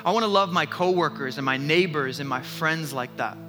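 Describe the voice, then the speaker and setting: A man in his thirties preaching a sermon, telling a story about his toddler son with lively, self-mocking energy and frequent restarts before turning earnest. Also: a little high, a little fast, over music. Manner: animated storytelling with self-deprecating laughs and repeated restarts. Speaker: pastor.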